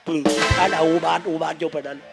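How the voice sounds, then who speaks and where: A man's voice: on the high side, steady tone, fast, vocal fry, over music. A man with a Southern Thai accent, a shadow puppet master telling crude comic stories with jokes and laughs. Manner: crude, joking storytelling with laughs.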